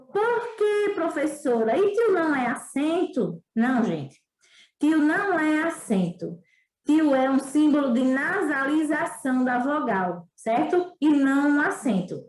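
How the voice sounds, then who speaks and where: A Brazilian woman teacher with a northeastern accent, giving a remote lesson on textbook exercises in a chatty, encouraging way and often checking in with her pupils. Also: sits high. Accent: Brazilian Portuguese, northeastern. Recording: echoey room.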